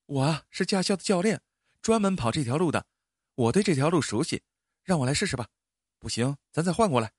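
A cool-headed young woman in her twenties speaks lightly and confidently in a raised, lively voice, as a male narrator puts her on. She is sure of herself and unbothered. The sound is dry and close. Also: fairly high pitch, fairly quick, husky, dry recording, voice pushed up. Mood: breezy. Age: 20s. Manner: breezy, self-assured. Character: calm, confident young woman driving instructor.

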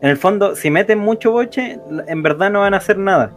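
A man's voice: high-pitched, expressive, fairly quick, faint music behind. Chilean man rambling in slang. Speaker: podcast co-host. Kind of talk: casual chat.

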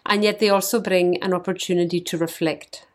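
A woman's voice: lowish voice, fairly even intonation, a little fast. Middle-aged woman from Scotland, reflective. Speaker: mission leader. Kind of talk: scripted devotional message.

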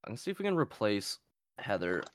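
A man hosting a podcast in casual chat, joking around and reading things aloud with quick asides. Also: fairly low pitch, sing-song, very noisy. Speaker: podcast host.

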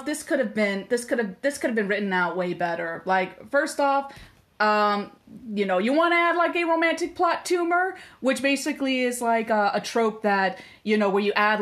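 A woman's voice: mid-range voice, fairly bright tone. Rambling woman podcast co-host. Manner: rambling, many fillers and restarts. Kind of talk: casual chat.

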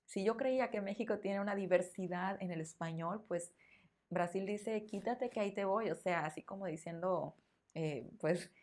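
A woman's voice: on the low side, moderate pace, darkish tone. A woman with a Mexican accent, a Spanish teacher hosting a podcast, explaining thoughtfully and repeating words as she searches for them. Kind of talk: conversational podcast interview.

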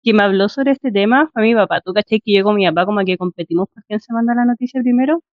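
A woman with a Chilean accent, co-hosting a casual chat, telling stories in a lively way and laughing often. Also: medium pitch, fast, no room sound. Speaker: podcast co-host. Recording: dull lo-fi, dry.

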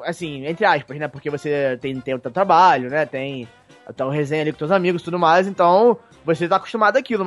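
A man co-hosting a casual podcast chat, rambling with frequent stammered restarts. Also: sits high. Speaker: podcast co-host.

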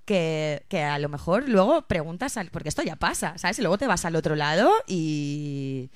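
A woman's voice: low-pitched, lively intonation, normal speed, dry recording, studio quality. A woman co-hosting a casual podcast chat, thinking aloud with frequent restarts and hesitations. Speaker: podcast co-host.

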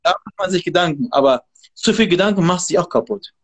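High-voiced, emphatic martial arts trainer. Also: male voice, expressive, fast talker. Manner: emphatic, motivational, preachy. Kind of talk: casual interview talk.

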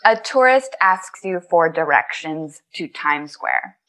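A woman's voice: lowish voice, expressive, takes it slowly, fairly bright tone, poor audio. Upbeat woman hosting a podcast. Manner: upbeat, encouraging, laughs often. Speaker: podcast host. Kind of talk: casual interview chat.

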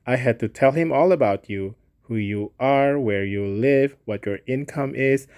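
A man's voice: mid-range voice, unhurried, a little mellow, close to an everyday voice. A man reading aloud, voicing a boisterous, bossy male painter in a hearty, declamatory way. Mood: jovial.

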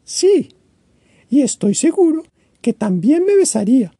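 A man's voice: very high-pitched, big pitch swings, measured pace, mellow, dry recording, studio quality, pitched above the performer's own voice, exaggerated voice. A man reading a storybook aloud, voicing a tiny lonely little bird who pleads and sobs. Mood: eager. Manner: pleading, sobbing. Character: tiny lonely yellow bird chick, tearful.

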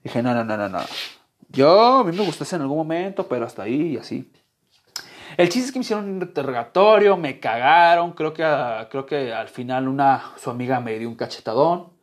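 A man's voice: fairly high pitch, fairly quick. A young man with a Mexican accent telling a casual anecdote, swearing freely and acting out what people said. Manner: profane, animated, acts out quotes. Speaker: storyteller.

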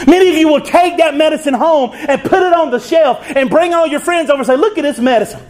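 A man's voice: very high voice, quick pace. A man preaching a sermon, pleading with his listeners and acting out the voices of sinners.

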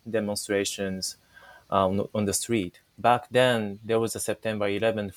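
A company founder in his forties answers interview questions in English, a non-native speaker with a Japanese accent. He hesitates often, full of fillers and restarts. His voice is lowish, with no room sound.

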